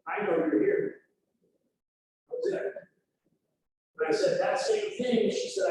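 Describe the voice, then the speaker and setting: A middle-aged man, a police trainer, giving a casual, chatty safety training talk to a group at a workplace, often checking in with "right?". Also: high voice. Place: large room at a workplace, in front of a group. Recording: very echoey room, faint noise.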